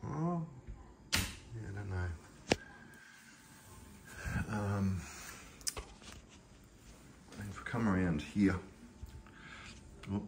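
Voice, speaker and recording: Low-pitched and with vocal fry, a man shows off his kitchen and pantry indoors over a noisy background. The casual home tour is filmed on a handheld phone, and he rambles with lots of fillers and restarts.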